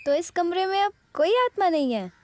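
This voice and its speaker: A woman's voice: very high voice, very animated, normal speed. A woman voicing a friendly, curious young woman in a cartoon.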